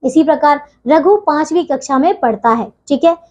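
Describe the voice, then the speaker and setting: A woman teaching a grammar lesson to children, patient and steady, pausing between phrases and often checking they follow. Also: high-pitched. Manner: patient, keeps asking "theek hai bachchon?"; leaves deliberate pauses between phrases.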